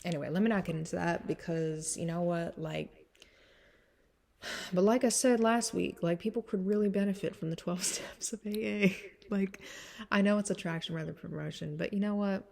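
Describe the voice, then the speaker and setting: This young woman's voice is gravelly and darkish, with fairly even intonation and a normal speed, and sounds stuffy and congested from sinus trouble. She rambles casually through an introduction before singing a cover song, using many fillers and swinging up high when she gets emphatic.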